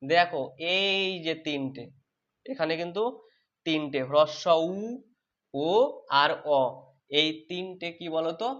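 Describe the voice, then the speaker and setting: A man teaching a lesson, who asks questions and then answers them himself, repeats terms slowly and corrects his own slips aloud. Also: a little high, a bit bright. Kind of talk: exam-prep lesson on vowel sounds. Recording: dull lo-fi sound.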